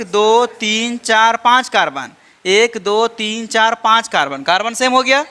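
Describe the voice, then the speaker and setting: Speaking in an extremely high, pushed and bright voice with an Indian accent, a man lectures a class on organic chemistry. He keeps checking in with students through repeated questions, playfully teasing them along the way.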